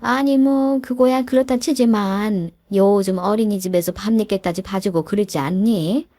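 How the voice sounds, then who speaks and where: A woman's voice: mid-range voice, normal speed, mellow, dry recording, close to an everyday voice. Woman putting on a scolding old mother-in-law. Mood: needling. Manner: scolding, grumbling. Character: nagging older mother-in-law, sharp-tongued and scornful.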